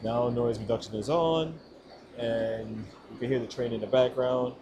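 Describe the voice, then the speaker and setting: A man's voice: mid-range voice, steady tone, normal speed. Man's voice through noise reduction processing. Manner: chatty, self-checking, thinks aloud. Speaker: vlogger testing camera and mic gear. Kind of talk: casual gear-test chat to the viewer. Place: subway station with trains passing. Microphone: small wireless clip-on mic. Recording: noisy transit background, noise-reduced.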